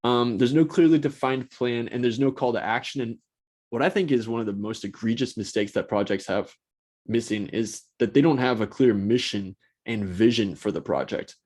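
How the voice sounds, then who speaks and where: A man talking on his own show, loose and casual, with blunt, profane phrasing. He rambles, backtracks and restarts his sentences, and his voice sits at an ordinary middle pitch. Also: moderate pace, a little mellow. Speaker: host. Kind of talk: casual solo talk.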